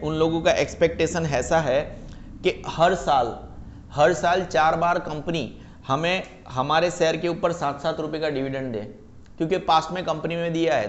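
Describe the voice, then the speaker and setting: Guy teaching a class, kinda high voice w gravel in it, dull lo-fi audio, keeps asking if students get it. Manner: reads English terms slowly, checks students understand; addresses students as beta. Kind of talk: class lecture.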